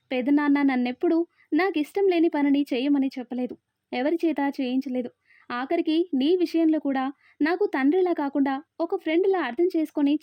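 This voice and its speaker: A grieving young man, earnest and devoted, told in a storybook voice by a woman narrator. The voice sits high and is recorded dry. The sound is a little dull. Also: dry recording, natural voice.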